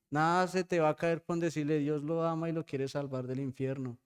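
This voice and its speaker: Spanish-speaking man preaching with a smooth voice. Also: a little high, a little mellow. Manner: preaching with frequent rhetorical "¿sí?" checks; addresses congregation as brothers. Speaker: pastor. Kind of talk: sermon. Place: church.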